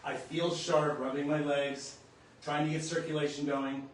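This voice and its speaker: Brief: earnest man, slightly higher voice, telling a personal story in a very echoey home room, mic set back, faint hum. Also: flat delivery, distant mic. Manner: earnest, halting, reliving the moment. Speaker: spiritual storyteller. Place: room in his home near the kitchen.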